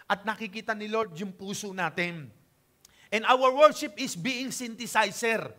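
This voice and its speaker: A man's voice: high voice, a little slow, sharp tone. An older man from the Philippines preaching a conversational sermon as pastor, keeping the talk chatty and checking in with the congregation.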